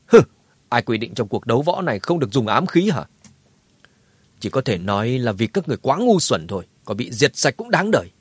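A man voicing a scheming noble clan leader who talks fast and shrill, shifting blame. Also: huge pitch swings, slightly rough, no room sound. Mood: sneering.

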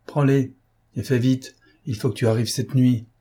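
A curt, imperious emperor who gives short commands, read by a male audiobook narrator. His tone is husky and mellow and stays close to the reader's own voice. The lines are brief and clipped. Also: mid-range voice, fairly even intonation, moderate pace, natural voice. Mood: stern. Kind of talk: audiobook character reading.

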